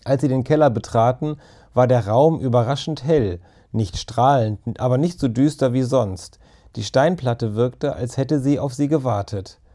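A male narrator reading a children's audiobook in a calm, even way. His voice sits at a medium pitch with a warm, mellow tone. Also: unhurried.

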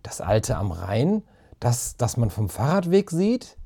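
A man's voice: lowish voice, big pitch swings, takes it slowly, mellow, heavily acted. A man doing a curious young schoolgirl. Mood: wondering.

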